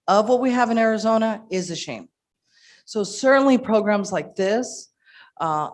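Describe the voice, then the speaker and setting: A woman on a panel speaking earnestly and encouraging the audience to work together. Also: medium pitch. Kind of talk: panel discussion.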